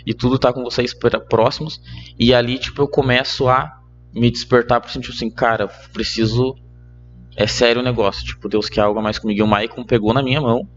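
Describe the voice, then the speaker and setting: A young man with a Brazilian Portuguese accent, a podcast guest telling a personal story in casual chat, animated and laughing between lines. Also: mid-range voice, brisk, highs cut off, a little hiss or hum. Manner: animated, laughs mid-story, many fillers.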